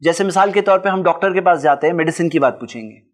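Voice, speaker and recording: A man's voice: fairly high pitch, fast. A man giving a religious talk and answering audience questions, explaining his points through lists of examples.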